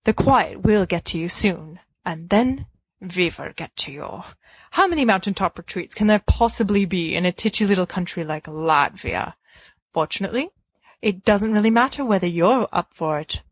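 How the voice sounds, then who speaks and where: In a dull, lo-fi, echo-free home recording, a woman of medium pitch reads a fan fiction letter at normal speed. Her podfic delivery is expressive, playful, cheeky and mock-pompous.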